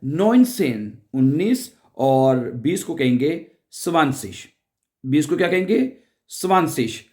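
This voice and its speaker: A man teaching a beginners' language lesson, patiently repeating words slowly and asking the listener questions. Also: on the high side, darkish tone. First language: Urdu. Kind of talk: casual spoken lesson.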